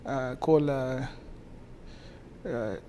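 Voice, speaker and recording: A man from South Sudan with a South Sudanese accent, answering interview questions haltingly with many pauses. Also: mid-range voice, dark tone, slight background noise. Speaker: guest, community association president.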